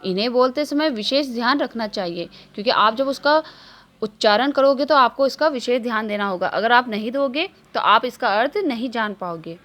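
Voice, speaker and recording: A woman teacher leads an online class in an even, measured way. She reads word pairs slowly and clearly, one by one, and poses questions to the class that she answers herself. Her voice sits a little high. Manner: slow, clear word-by-word reading of lists.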